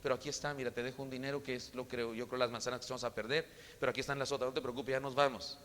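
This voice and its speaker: A preacher voicing a gentle, apologetic businessman. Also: mid-range voice, steady tone, a little fast, a little hiss or hum, close to an everyday voice. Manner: soft and apologetic. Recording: long church reverb.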